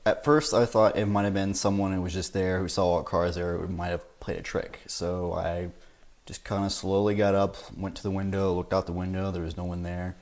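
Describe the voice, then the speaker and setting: A man's voice: sits low, flat delivery, moderate pace, darkish tone. A man recounting his own experience in plain conversational storytelling. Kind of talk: personal eyewitness storytelling.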